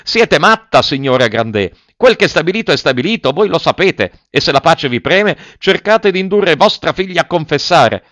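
A man reading aloud voices a furious old miser who shouts and bullies his household, his voice pitched well above his own. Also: normal speed, clear, resonant tone, no echo, natural voice. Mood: screaming. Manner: shouting, blustering, bullying. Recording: dull dry lo-fi recording.

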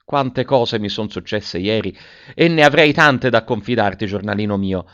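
A man reading a child's diary aloud as a story, lively and theatrical, with big swings in pitch and loudness. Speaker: audiobook reader. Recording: dull lo-fi recording.

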